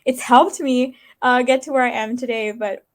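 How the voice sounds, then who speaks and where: Earnest woman in her 20s from the uae, guest on an interview, halting, thinks out loud. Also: a little high, steady tone. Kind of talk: casual interview.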